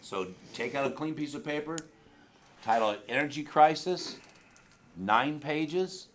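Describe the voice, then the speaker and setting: A man's voice: a little high, unhurried, fairly bright tone, slight background noise. A man giving a blunt, profane sales training talk to a group in a training room.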